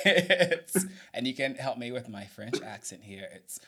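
A man's voice: medium pitch, animated, a little slow, a bit bright, breathy edge. A man hosting a podcast interview, chatting casually and laughing often. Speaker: podcast host.

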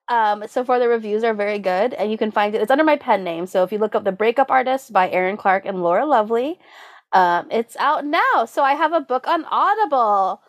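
A congested woman chats casually as a podcast co-host, rambling with fillers and quick laughs. Her voice sits at an average pitch and is recorded close and dry, with no room around it. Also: no room sound. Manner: chatty, laughs often, lots of fillers. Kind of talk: casual chat.

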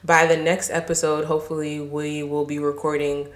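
A young woman co-hosting a podcast in casual, relaxed chat, laughing often. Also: deep voice, normal speed, reverberant. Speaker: podcast co-host.

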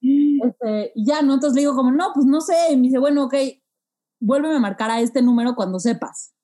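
Mexican woman, guest storyteller, animated, mellow tone. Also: high voice, normal speed. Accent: Mexican Spanish. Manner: animated, acts out quoted voices. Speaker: podcast guest telling a story. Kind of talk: casual storytelling chat.

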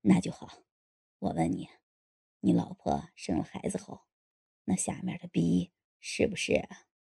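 Woman putting on a gravelly lecherous old man. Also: unhurried, exaggerated voice. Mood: sly coaxing. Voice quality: low gravelly voice. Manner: coaxing, insinuating, sometimes hushed. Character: lecherous sly old man in his late sixties. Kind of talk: audiobook character voice.

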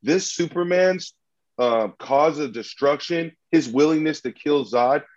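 A man's voice: on the high side, unhurried, highs cut off. A man arguing his case in a mock trial about superhero movies, combative and profane, repeating himself as he gets heated.

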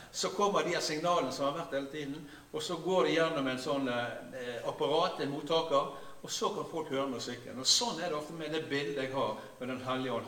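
A man, preaching a sermon in a conversational way, with frequent hesitations and often sinking into a quiet, low voice. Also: roomy sound, distant mic. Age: 60s. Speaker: pastor.

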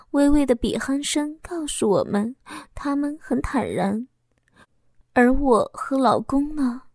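A woman narrating a first-person audiobook in a soft, intimate, confessional way into a close mic. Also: sits high, dry recording.

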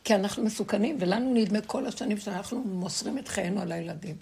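Gravelly-voiced woman teaching a spiritual lesson. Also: mid-range voice, slight background noise. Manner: lively storytelling, laughing between points. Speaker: religious teacher.

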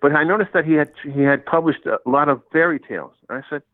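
A college English professor whose first language was Sicilian tells his story in a relaxed interview, speaking fast in a rather high voice. He rambles and restarts often, heard over a dry, tinny, phone-like line.

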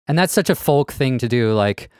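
A man's voice: mid-range voice, lively intonation, normal speed, a little mellow, clean tone, dry recording, clean studio sound. A man co-hosting a music podcast, eagerly analyzing the structure of songs in casual chat. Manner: enthusiastic, analytical about musical form. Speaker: podcast co-host.

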